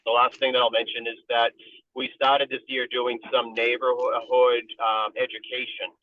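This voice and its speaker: A man calling in by speakerphone while driving his car, giving a steady, informative update to a community meeting with frequent ums. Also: medium pitch, moderate pace. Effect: car speakerphone call. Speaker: community tree group volunteer. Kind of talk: meeting update over a call. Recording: tinny phone line with faint car noise.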